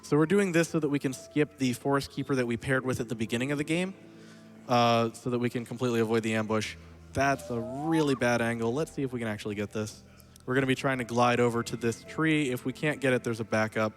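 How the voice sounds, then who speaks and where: A man's voice: medium pitch, quick pace, faint music behind. Guy doing live speedrun commentary while playing, casual and chatty, explains stuff, bit playful. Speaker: speedrunner narrating own run.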